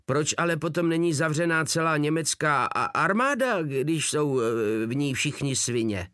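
A man's voice: a little high, lively intonation, fairly bright tone, no room sound, clean studio sound, pitched above the performer's own voice. A man voicing a cheeky common soldier who answers his officer with mock politeness. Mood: mock-innocent.

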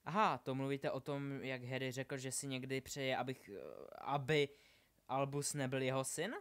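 A man's voice: medium pitch, level tone, a bit bright, smooth, natural voice. A man voicing a boy in disguise as a grown husband, bluffing cheekily to stall, in a home audiobook reading. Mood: cheeky. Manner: cheeky, blustering, talks fast to stall.

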